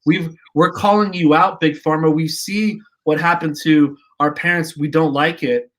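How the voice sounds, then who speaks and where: A man's voice: on the high side, steady tone, normal speed, fairly bright tone. A man being interviewed as a guest, speaking passionately and emphatically, with a preachy edge. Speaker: guest, energy healing practitioner. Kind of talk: casual interview.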